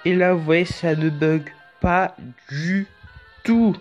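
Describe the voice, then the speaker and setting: A man's voice: fairly high pitch, steady tone, takes it slowly. A man talking through a casual tutorial in a chatty, rambling way with jokey asides. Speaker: YouTube tutorial host. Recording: dull lo-fi audio with faint music.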